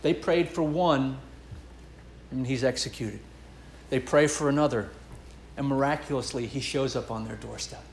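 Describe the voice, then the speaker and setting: A man's voice: mid-range voice, moderate pace, creaky, pauses often, echoey room, slight background noise. A man preaching a sermon as pastor, earnest and emphatic, building and dropping his intensity.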